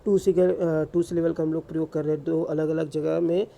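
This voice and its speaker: A man's voice: on the high side, little pitch movement, brisk, gravelly, warm tone. A man teaching English grammar in a classroom-style lecture, asking rhetorical questions and answering them himself.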